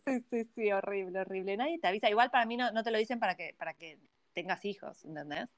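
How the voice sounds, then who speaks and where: A woman's voice: mid-range voice, fast talker. A woman with an Argentine Spanish accent hosting a casual interview, chatty and fond of tag questions and English words. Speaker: podcast host.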